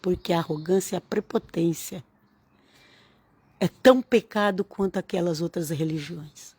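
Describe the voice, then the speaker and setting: A woman's voice: lowish voice, normal speed, a little mellow, slightly rough, no echo. A woman, giving an informal, earnest sermon-style talk to camera and repeating phrases for emphasis. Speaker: religious vlogger.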